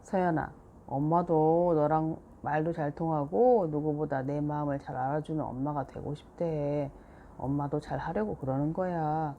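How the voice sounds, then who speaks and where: A woman reading a children's book aloud and voicing a gentle father who speaks softly and slowly. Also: sits low, muffled recording, slight background noise. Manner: soft, slow, soothing.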